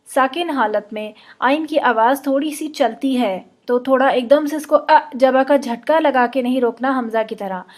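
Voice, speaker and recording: A woman teaching Arabic letter sounds, explaining patiently and drawing out slow model pronunciations. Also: on the high side, darkish tone. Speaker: Quran recitation teacher. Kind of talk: instructional explanation with slow demonstrations.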